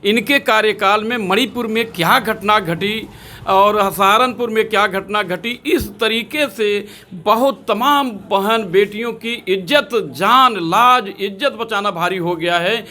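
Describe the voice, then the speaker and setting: A senior advocate man, answering a street interview with indignant, rapid-fire accusations. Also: high voice, sharp tone. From Uttar Pradesh.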